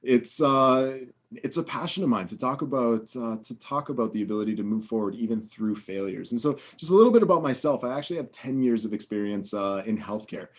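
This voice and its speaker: A man's voice: mid-range voice, expressive, brisk, muffled recording. A man introducing himself on a video-call panel, upbeat and chatty, with frequent fillers and restarts. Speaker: head of a startup support organization.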